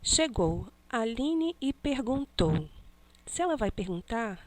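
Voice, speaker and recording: High-voiced teacher explaining punctuation slowly. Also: female voice, very animated, a little mellow, no room sound. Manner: slow, explanatory, stressing each punctuation mark. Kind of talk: correcting a classroom exercise.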